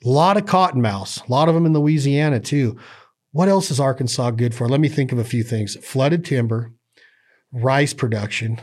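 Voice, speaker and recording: A podcast host with a mid-range, darkish voice speaks at a moderate pace. He rambles and jokes in a folksy way during casual chat, drifting into ad reads.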